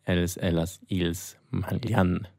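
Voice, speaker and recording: A man with a slightly hoarse voice, hesitantly repeating verb forms while learning. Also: deep voice, little pitch movement, slow, warm tone, no room sound, studio quality. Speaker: language learner. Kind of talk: casual language practice chat.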